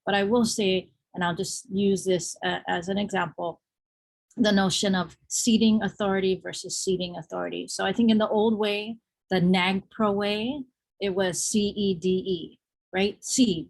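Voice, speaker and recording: A woman's voice: mid-range voice, fairly even intonation, normal speed, low-quality recording. A woman panelist speaking at a symposium. She talks reflectively and with animation, adding emphatic asides.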